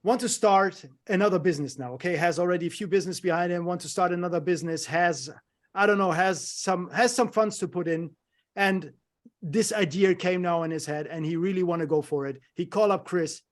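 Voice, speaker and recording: A man hosts a conversational interview over a video call, sounding hesitant and friendly, using many fillers and non-native phrasing. His voice is high and a little fast.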